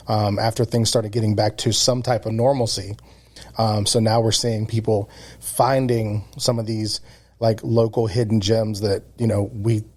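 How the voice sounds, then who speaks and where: A man from Jacksonville, Florida, answering interview questions in a relaxed, measured way with many ums and uhs. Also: on the low side. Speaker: podcast guest, food reviewer.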